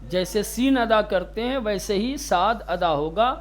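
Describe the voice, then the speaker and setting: A stern male recitation teacher with a noticeably high voice leads a classroom lesson. He draws out each letter sound slowly to demonstrate it and snaps at inattentive students. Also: expressive. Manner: stern, scolds students sharply.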